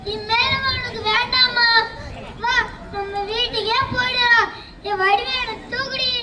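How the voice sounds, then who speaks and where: A child actor in a school comedy play, delivering bossy, scolding lines. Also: female voice, very high-pitched, steady tone, unhurried. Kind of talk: school annual day comedy drama. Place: school stage hall. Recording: echoey hall with loud noise.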